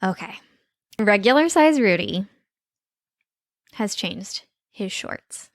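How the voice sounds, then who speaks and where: A woman's voice: medium pitch, lively intonation, takes it slowly, dry recording, studio quality. Chatty young woman podcast co-host. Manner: chatty, enthusiastic, frequent ums and likes. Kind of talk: casual chat.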